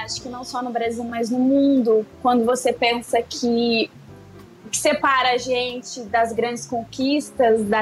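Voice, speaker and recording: A woman's voice: fairly high pitch, low-quality recording. A woman talking earnestly and tearfully about a show she acted in, in a casual panel discussion.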